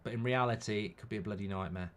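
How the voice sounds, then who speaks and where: On the low side and talking fast, a British man with a faintly croaky, stuffed-up voice hosts a live football watchalong. He switches between casual commentary and blunt, jokey replies to the chat.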